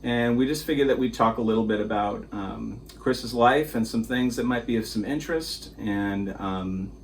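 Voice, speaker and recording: A man hosting an interview podcast, asking friendly, halting questions. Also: fairly low pitch, far from the mic, slight background noise. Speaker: podcast host.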